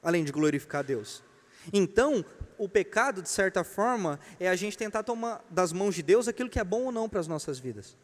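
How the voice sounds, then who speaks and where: A man's voice: high-pitched, lively intonation, brisk. A man with a Brazilian accent teaching a church membership class, joking and telling stories as he speaks to the room. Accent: Brazilian Portuguese. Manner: joking, storytelling, addresses the room as brothers. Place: church hall. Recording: long reverb of a church hall.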